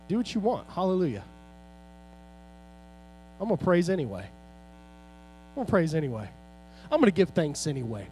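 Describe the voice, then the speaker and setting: A middle-aged pastor preaches from the pulpit in a fairly high voice. He climbs to loud, fervent peaks, then drops to soft, low lines. A faint electrical hum sits under the church mic. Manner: preaching with rising shouts and sudden soft drops. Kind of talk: sermon. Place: church sanctuary.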